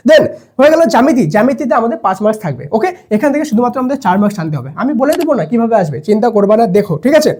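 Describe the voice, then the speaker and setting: A young man teaching students quick exam tricks as a math tutor. He keeps checking in with "okay?" and answers questions he voices for the students himself. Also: very high voice, lively intonation, a little mellow, slightly rough. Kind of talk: fast exam-tips lesson to students.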